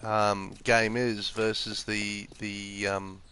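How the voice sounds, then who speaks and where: His fairly low voice barely moves in pitch, sounding pushed and bright as he speaks slowly, with slight background noise. The streamer is congested with the flu and narrates his game casually and hesitantly, explaining along the way. He uses a PS4 gaming headset microphone in a room by an office, windows open.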